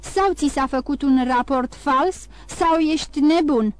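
A woman reads as an aging king who barks his questions in a raised, commanding voice. He is imperious and quick to alarm. The audiobook sound is dry and close. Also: sits high, no echo, pitched above the performer's own voice, lightly acted. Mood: outraged.

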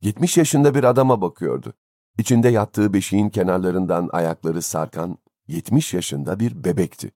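A man reading a story aloud as an audiobook narrator, in a measured, expressive way. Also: low-pitched, no echo, clean studio sound. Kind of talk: scripted narration.

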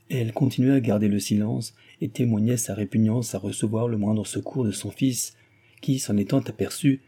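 Male audiobook narrator, measured; dark, husky voice. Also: lowish voice. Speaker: audiobook reader.

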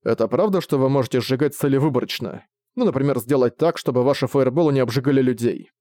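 A man's voice: mid-range voice, fast, mellow, dry recording, studio quality, natural voice. A man voicing an irritable young male student of magic who speaks in a guarded, slightly sulky way.

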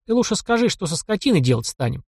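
A man's voice: high voice, very animated, quick pace, gravelly, a little mellow, slightly rough, no echo, clean studio sound, voice pushed up, heavily acted. A man voicing a fussy, doting older village aunt who talks in a folksy, sighing way. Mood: fussing.

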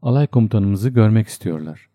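A man's voice: fairly low pitch, lively intonation, fairly quick, dark tone, dry recording, clean studio sound. A man voicing a practical soldier who gives brusque, matter-of-fact orders. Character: steady older soldier, man, practical and gruff.

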